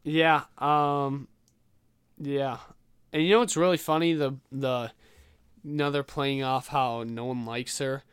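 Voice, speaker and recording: A man's voice: medium pitch, fairly even intonation, takes it slowly, clear, resonant tone, dry recording, clean studio sound. A man co-hosting a podcast in casual chat, laid-back and laughing along. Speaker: podcast co-host.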